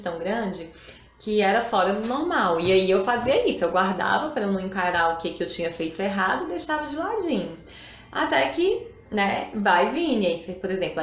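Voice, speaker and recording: Woman talking reflectively, roomy echo. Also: medium pitch. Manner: reflective, conversational, often adds tag questions. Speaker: live stream host. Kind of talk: casual talk on emotions.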